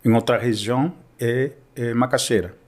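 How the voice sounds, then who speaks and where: Speaking Portuguese with the accent of his native Peruvian Spanish, a man who teaches Spanish chats casually and informatively, frequently checking that his listener is following. His medium-pitched voice is a little mellow, fairly even, at a normal speed.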